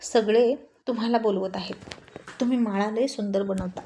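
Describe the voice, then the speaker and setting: A pushy young village lad , put on by a woman narrator, calls out insistently, urging someone to hurry. His voice is a little raised and mellow, from a spoken village story. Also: mid-range voice, steady tone, moderate pace, slight background noise, lightly acted. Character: pushy young village man, brother-in-law type.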